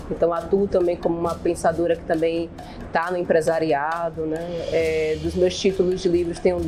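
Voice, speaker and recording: A woman with a Bahian Brazilian accent, a university professor speaking in an assured, measured documentary testimony. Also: on the low side, dark tone. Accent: Bahian Brazilian Portuguese.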